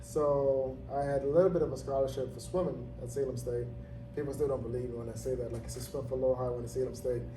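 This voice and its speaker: A man in his thirties from Zambia talks through his story as an interviewee, relaxed and easygoing, with plenty of fillers and quick laughs. He sits a little off the mic in a roomy space. A steady ambient noise runs behind him. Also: medium pitch. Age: 30s. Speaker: interviewee, gym owner. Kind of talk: casual interview. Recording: roomy, distant, noisy ambience.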